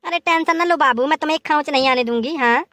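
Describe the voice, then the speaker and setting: A woman's voice: high voice, fast, fairly bright tone, slight background noise. A woman voicing a lazy, grumbling young bride in a comic cartoon, whiny and theatrical with wailing exclamations.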